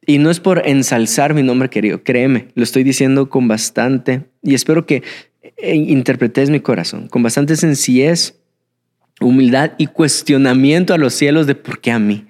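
A young man preaching a sermon, swinging between excited bursts and hushed, reflective passages. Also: medium pitch, normal speed. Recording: hall with long reverb.

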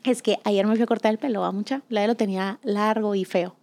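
Young woman, rapid speech, chatty lively storyteller, casual chat. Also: medium pitch, vocal fry. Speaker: co-host, nutritionist.

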